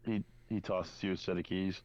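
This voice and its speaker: A man narrating a tabletop game as game master, halting often with fillers, on a dull lo-fi recording. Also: low voice, steady tone, a little mellow.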